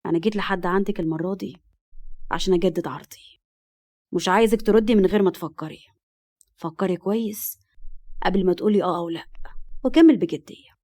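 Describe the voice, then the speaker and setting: A woman's voice: mid-range voice, fast talker, pauses often, dark tone, lightly acted. A woman with an Egyptian accent voicing a smug, arrogant rich man in his thirties who talks in a cold, condescending, slyly polite way. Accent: Egyptian Arabic.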